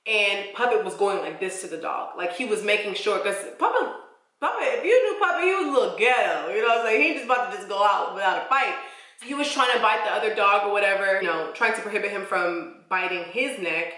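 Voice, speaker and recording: A woman's voice: mid-range voice, fast talker. A young woman vlogger telling a personal story in a casual, slangy way, full of "like"s. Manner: expressive, slangy storytelling with many "like"s. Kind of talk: storytime vlog. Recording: echoey room.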